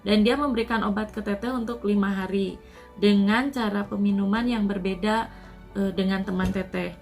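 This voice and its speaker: Soft-spoken Indonesian woman telling her story. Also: medium pitch, steady tone, moderate pace, gravelly, faint music behind. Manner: soft, earnest, often trailing off with "gitu". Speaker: Indonesian migrant worker sharing her COVID recovery. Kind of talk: casual personal storytelling. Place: at home.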